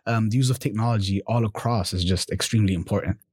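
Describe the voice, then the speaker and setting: A young man from Germany talks through his own story in a relaxed interview, with a lowish voice and dry, close sound. He is animated, checking in with "right?" and "you know" as he goes. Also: fast, husky, dry recording. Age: 20s. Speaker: guest. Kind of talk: casual interview conversation.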